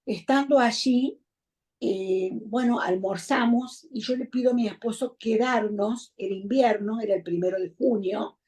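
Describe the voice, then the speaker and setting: A middle-aged woman from Argentina with an Argentine accent, recounting her personal story as a mother in a testimonial interview, in a measured, reflective way with many pauses. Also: on the high side, a little mellow. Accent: Argentine Spanish. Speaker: bereaved mother giving testimony.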